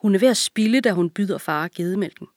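A woman narrating a children's audiobook in a calm, even storytelling manner. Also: medium pitch, dry recording, studio quality.

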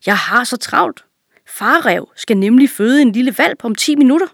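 Woman putting on a sly quick storybook fox, high and teasing, dry close sound. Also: animated, gravelly, no echo. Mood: hurried. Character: cunning, quick-witted male fox.

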